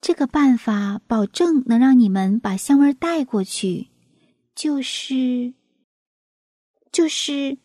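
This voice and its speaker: A woman voicing a gentle, brave young female flower in a storybook tale, speaking earnestly. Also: high voice, lively intonation, slow, long pauses, no room sound, clean studio sound, pitched above the performer's own voice, heavily acted. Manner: earnest, pleading.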